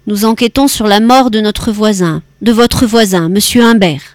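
A woman voicing a calm young police lieutenant. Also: medium pitch, dry recording, lightly acted. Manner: polite, measured questioning. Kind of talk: audiobook character voice.

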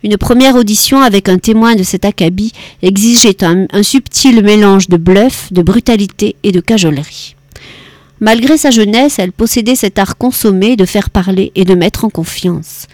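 A woman reads a crime novel aloud in an even, measured storytelling voice. Her pitch sits in the middle range. The recording is dry and close to the microphone. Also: no echo. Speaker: audiobook narrator. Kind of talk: scripted narration.

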